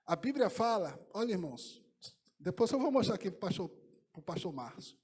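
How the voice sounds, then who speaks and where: Male pastor, very high voice, impassioned sermon, hushed to shouting. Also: sing-song, moderate pace, breathy edge. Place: church sanctuary.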